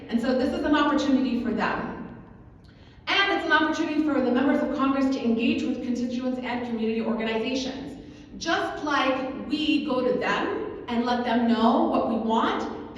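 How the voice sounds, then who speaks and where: A woman's voice: sits high, far from the mic, a little hiss or hum. A woman who grew up in Kuwait giving a persuasive talk to a convention audience, often asking them "right?". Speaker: advocacy manager speaking at a convention. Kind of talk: conference talk. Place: large convention hall. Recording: echoey hall recording from afar, dull.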